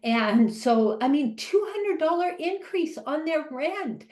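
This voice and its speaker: A woman speaking as a live interpreter, voicing a deaf advocate's question on a webinar in halting speech with restarts. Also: high voice, animated, darkish tone, reverberant. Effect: live sign language interpreter voicing a deaf participant's question.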